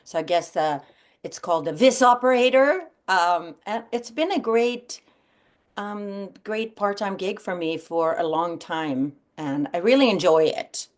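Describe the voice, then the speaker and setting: A middle-aged woman from Sweden chats casually as a podcast guest. Her voice sits on the low side for a woman, and she is friendly, laughs often and fills pauses with "um" and "uh". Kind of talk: casual chat.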